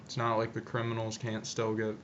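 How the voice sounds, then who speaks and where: A man's voice: on the low side, completely flat delivery, a little fast. A young man chats casually in slang and swearing, with chewing tobacco in his lip. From upstate New York, United States. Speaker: video co-host. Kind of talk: casual chat and anecdotes. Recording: muffled, noisy amateur video audio.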